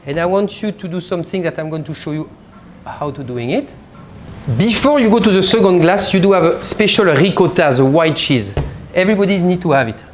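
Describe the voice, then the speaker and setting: A man leads a live tasting class as sommelier, his voice sitting a little high. He talks in an animated way, explaining each step as he demonstrates it. A faint room ambience hangs behind him in a private tasting room. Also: a little fast, slight background noise.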